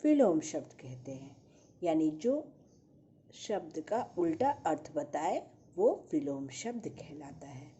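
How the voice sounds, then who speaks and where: A woman teaching a recorded lesson, explaining slowly and putting questions to the class. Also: deep voice, sing-song, warm tone, dull audio, a little hiss or hum. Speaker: primary school Hindi teacher.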